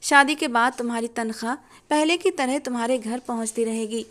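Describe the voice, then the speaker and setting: A woman voicing an aging, wealthy matriarch who speaks in a slow, measured, persuasive way. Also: a little high, fairly bright tone, close to an everyday voice.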